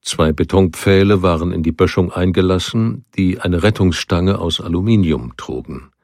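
Low-voiced man, husky, audiobook narration, dry close recording, calm and measured. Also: no echo. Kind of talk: scripted narration.

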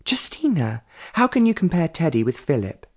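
A man's voice: fairly high pitch, very animated, moderate pace, voice pushed up. A man voicing a pretty young society woman who is dreamy and lovestruck, talking in a gushing, sighing way.

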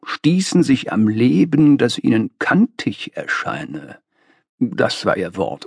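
A man voicing a successful, cynical older master who lectures a young man in a patronizing, measured way in an audiobook reading. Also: medium pitch, creaky, darkish tone, breathy edge, no echo, exaggerated voice.

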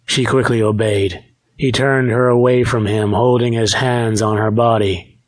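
A man reading a romance audiobook aloud, in a steady, measured narration. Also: mid-range voice. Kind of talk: scripted narration.

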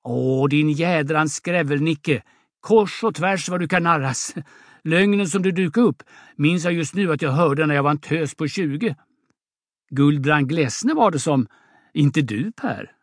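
A man reading an audiobook drama, voicing an aging peasant mother who scolds and frets with loud exclamations. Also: fairly high pitch, expressive, breathy edge, no echo, clean studio sound. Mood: scornful.

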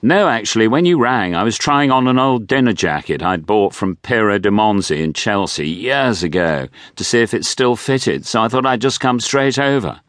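A man's voice: on the low side, animated, normal speed, hardly any pauses, a bit bright, dry recording, clean studio sound, pitched above the performer's own voice. A man doing a suave posh actor. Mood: breezy. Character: suave posh middle-aged male actor.

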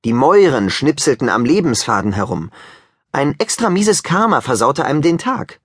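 A man's voice: mid-range voice, big pitch swings, normal speed, husky, no echo, studio quality. A man narrating a children's audiobook with wry, joking asides to the listeners.

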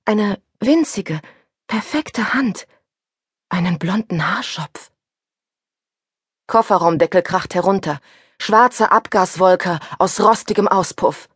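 A woman reading a first-person suspense audiobook aloud, with a husky voice that turns tense and breathless in the panic passages. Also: medium pitch, animated, slow, long pauses, no echo, clean studio sound. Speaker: audiobook narrator. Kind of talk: scripted first-person narration.

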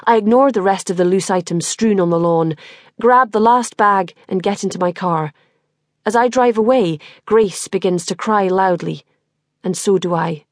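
A woman reading a first-person audiobook with measured, wry storytelling. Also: medium pitch, no echo, studio quality. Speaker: audiobook narrator.

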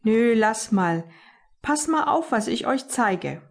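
A woman's voice: a little high, expressive, slow, full character voice. A woman voicing a cheeky, daring young male sparrow who boasts and teases his friends, in a storybook reading. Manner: boastful, teasing.

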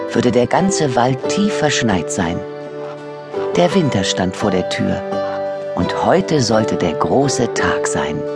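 A man narrating a bedtime audiobook in a gentle, unhurried storytelling manner. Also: mid-range voice. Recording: audiobook with music beneath. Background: music.

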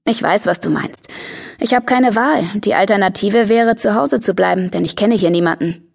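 A woman's voice: mid-range voice, normal speed, creaky, slightly rough. A woman reading an audiobook voices a friendly, patient teenage boy who has just moved to town. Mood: calm. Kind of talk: audiobook character voice.

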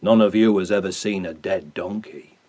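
An actor playing a cynical old donkey in a radio drama, weary and deadpan. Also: male voice, sits low, moderate pace. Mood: weary, fatalistic. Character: old male donkey, cynical, gloomy, stoical.

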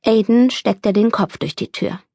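A woman reading an audiobook in steady, measured scripted narration, recorded close in a studio. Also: medium pitch, gravelly, no room sound. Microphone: studio microphone, close.

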